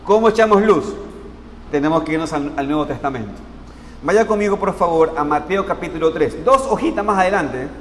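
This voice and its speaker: High-voiced pastor preaching in a hall. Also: male voice, expressive. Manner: asks the congregation questions and answers them; slows down to stress key words. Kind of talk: sermon. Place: church sanctuary. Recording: long reverb in a church hall, faint noise.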